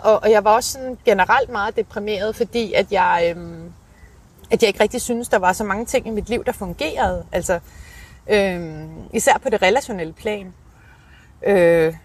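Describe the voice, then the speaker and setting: A woman with a slightly husky voice, telling a candid personal story in an interview in a hesitant, searching way with casual swearing. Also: mid-range voice. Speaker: interview guest telling of own alcoholism.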